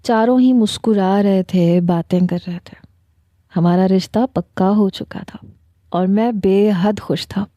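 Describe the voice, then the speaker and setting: A woman narrates a novel in the first person with calm, steady storytelling. Her voice is very warm and mellow. The recording is dry and close, with no room sound. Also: medium pitch, no echo.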